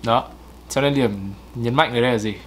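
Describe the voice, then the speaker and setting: A man, co-hosting and correcting pronunciation in a casual way, repeating words slowly to model them. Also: mid-range voice, fairly bright tone, a little hiss or hum.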